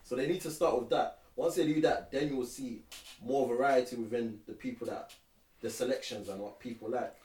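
A man's voice: mid-range voice, brisk, darkish tone, far from the mic. Young man, podcast co-host, slangy and opinionated, roomy echo, away from the mic. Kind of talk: casual chat.

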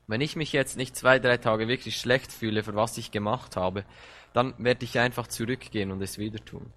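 A man's voice: medium pitch, steady tone, moderate pace, a bit bright. A man preaching a sermon, speaking straight to his listeners, repeating words and pressing his points with passion. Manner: impassioned, direct address with rising emphasis and repeated words.

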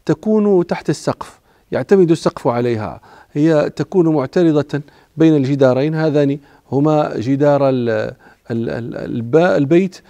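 A man's voice: a little high, gravelly, dark tone, dry recording. A man giving a religious lecture, explaining old words as he goes and often stopping to restart a word. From Morocco. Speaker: religious teacher. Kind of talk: classical Arabic lecture on the Prophet's life.

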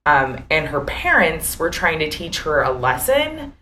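A woman's voice: low-pitched, big pitch swings, measured pace, bright, forceful tone, slight background noise, rough recording. A woman co-hosting a true-crime chat, casual and chatty with lots of fillers and outraged asides. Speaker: podcast co-host.

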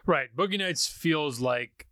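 A man's voice: fairly high pitch, lively intonation, slow, pushed and bright, dry recording, studio quality. A man hosting a film podcast, chatting casually and teasing his co-host in a playful way.

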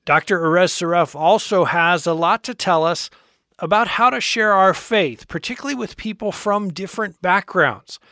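A radio host with a high, bright voice reads a smooth, scripted introduction. His voice is recorded close and dry, with no room around it. He introduces the interview at an even, friendly pace. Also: normal speed, no room sound.

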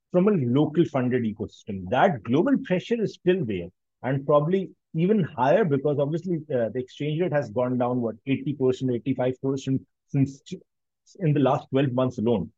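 A man's voice: medium pitch, lively intonation, normal speed, warm tone, no room sound, highs cut off. A man with a Pakistani accent talking analytically in casual conversation, often rephrasing himself mid-sentence.

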